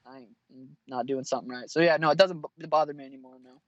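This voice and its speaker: A man's voice: a little high, steady tone, quick pace, muffled recording. A man in his twenties, a fighter being interviewed, answering bluntly and with plenty of swearing. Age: 20s. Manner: blunt and profane.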